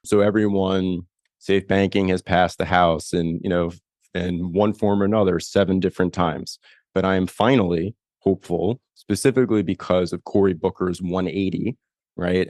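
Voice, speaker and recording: A man's voice: sits low, a little mellow, dry recording, clean studio sound. A man interviewing a guest, asking long, rambling questions full of "you know" and "right?". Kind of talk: conversational interview.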